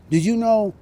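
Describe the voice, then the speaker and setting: A man's voice: high-pitched, mellow, a little hiss or hum. A man who is a military veteran, answering a street interview in a blunt, aggrieved way and repeating himself, outdoors on a city street.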